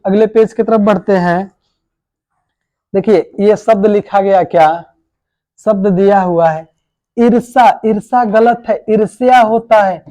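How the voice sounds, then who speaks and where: A man's voice: high-pitched, a little mellow, no echo. A man teaching correct spelling for exams. He asks questions and answers them himself, and calls his students "babu" and "bhai". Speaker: coaching teacher. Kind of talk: exam-prep spelling lesson.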